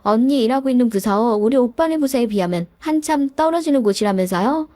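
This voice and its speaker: A woman's voice: a little high, expressive, fairly quick, warm tone, dry recording, lightly acted. A woman voicing a spiteful, arrogant young sister-in-law who sneers and talks down to others. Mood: sneering. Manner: sneering, condescending.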